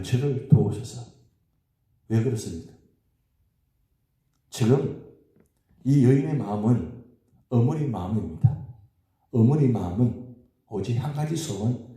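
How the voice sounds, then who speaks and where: A man's voice: mid-range voice, mellow. A man, a pastor, preaching an early morning sermon with emphatic rises and falls and many rhetorical questions. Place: church sanctuary. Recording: very echoey church hall.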